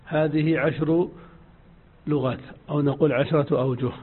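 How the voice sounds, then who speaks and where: Male grammar teacher, slightly high voice, patient and repetitive delivery, tinny phone-like sound. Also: fairly even intonation, slightly rough. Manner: slow, drawn-out repetition of examples. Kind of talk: grammar lesson.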